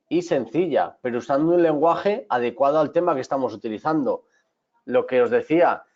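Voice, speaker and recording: A man teaches a class on exam technique. He talks straight to the students, restarting his sentences and checking in with them often. His voice sits in a middle pitch, and the recording sounds a little dull and lo-fi. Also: darkish tone. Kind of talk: online class lecture.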